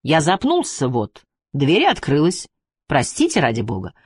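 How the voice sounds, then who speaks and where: A man voicing a polite, scheming police officer in an audiobook, falsely courteous and smooth. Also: a little high, huge pitch swings, normal speed, no room sound, clean studio sound, full character voice.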